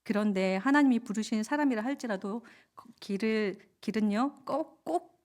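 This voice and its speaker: A young woman, a junior pastor, giving a soft, humble Wednesday evening sermon in a church, with gentle self-deprecating humor. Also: mid-range voice, normal speed. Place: church sanctuary.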